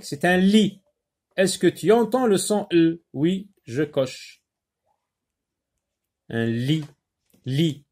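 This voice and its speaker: A man teaching a phonics lesson to young children, repeating words slowly and hesitating often. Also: mid-range voice, mellow. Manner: slow and deliberate, repeats words and syllables; frequent hesitations with euh.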